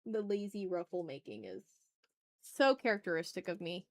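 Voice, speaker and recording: With a lowish, sing-song voice at a moderate pace, a woman hosts a live art stream. Her talk is casual livestream chat, muttering to herself as she draws, full of repeated short phrases and mild exclamations.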